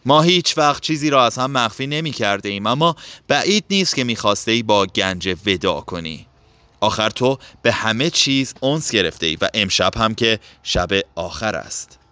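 A man voicing a tired, gentle male doctor who speaks warmly to his wife in an audiobook. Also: fairly low pitch, expressive, clear, resonant tone, no room sound. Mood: gentle teasing. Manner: warm, kindly, mildly suspicious.

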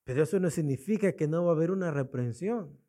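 Mellow-voiced preacher posing questions. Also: male voice, on the high side, expressive, fast. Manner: asks the congregation rhetorical questions, repeats key points. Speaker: pastor. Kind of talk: sermon. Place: church.

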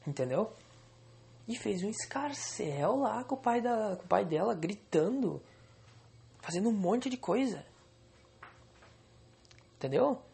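Gravelly young man ranting angrily. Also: sits high, very animated, slow pace, pauses often, mellow. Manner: angry, venting, swearing. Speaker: podcaster. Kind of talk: solo podcast rant. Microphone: home recording, alone.

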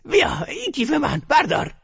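A man voicing an imperious, frantic old grandmother gambler who shouts commands. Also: very high voice, huge pitch swings, gravelly, dull audio, pitched above the performer's own voice, full character voice. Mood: bossy.

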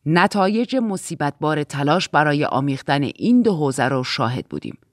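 A woman reading an audiobook, voicing a stern middle-aged male commander who lectures slowly and coldly. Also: low-pitched, very animated, no echo, studio quality. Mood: lecturing.

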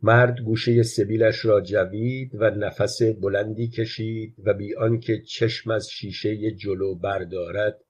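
A man reading a literary short story aloud in a quiet, even storytelling manner, with a husky voice. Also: lowish voice, muffled recording. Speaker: narrator.

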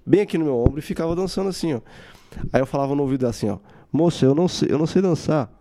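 A young man hosting a podcast, telling a personal story in a casual, animated way with some swearing. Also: a little high, rapid-fire. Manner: animated, swearing, acts out his own quotes. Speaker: podcast host.

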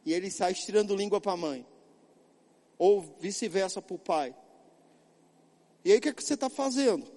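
A man's voice: sits high, lively intonation, normal speed, pauses often, warm tone, big-room sound. A middle-aged male pastor preaching a sermon, emphatic, often asking and answering his own questions.

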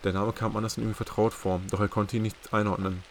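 Man, amateur audiobook narrator, low voice, measured; faint rain hiss behind. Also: level tone. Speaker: audiobook reader.

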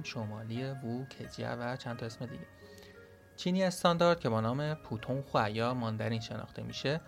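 A man's voice: mid-range voice, gravelly. A man teaching a podcast language lesson, explaining step by step and saying sounds aloud as examples.

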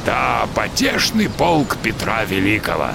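A man's voice: fairly low pitch, huge pitch swings, a little slow, creaky, background noise, exaggerated voice. A man playing a hearty seafaring uncle who commands and explains things to children in a radio adventure drama. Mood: thoughtful. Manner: commanding, explanatory, salty sailor talk.

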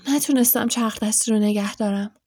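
A woman voicing a sensible, quiet boy wizard in an audiobook, speaking in a hushed, matter-of-fact way. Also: a little high, husky, no echo, clean studio sound. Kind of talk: audiobook character voice.

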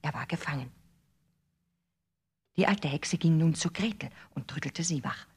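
Low, breathy woman reading a fairy tale. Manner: measured, expressive reading. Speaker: narrator. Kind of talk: scripted storybook narration.

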